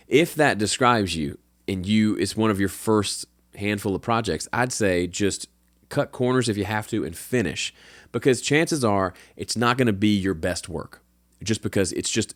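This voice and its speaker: A show host with a slightly nasal voice on the low side answers listener questions in a relaxed advice chat from his home studio. His conversational delivery includes fillers and restarts, and there's no echo on the recording.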